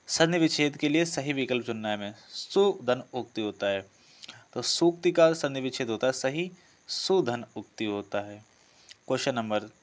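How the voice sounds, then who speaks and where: A man with a smooth, medium-pitched voice teaches a test-prep lesson as an exam coach. He works through the questions in a didactic way, repeating key phrases.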